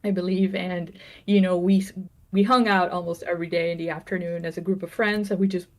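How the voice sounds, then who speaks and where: A woman's voice: lowish voice, flat delivery, a little fast. Chatty Venezuelan-born woman. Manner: chatty, self-deprecating, laughs often. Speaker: game developer on a livestream. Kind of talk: casual livestream chat.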